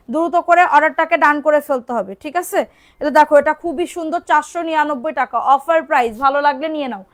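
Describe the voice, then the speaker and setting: High-pitched lady doing a live clothes sale, pushy and repetitive. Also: fairly bright tone. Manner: brisk, repetitive, urging buyers to order fast; scolds commenters sharply. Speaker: online clothing seller. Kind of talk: live-stream sales pitch.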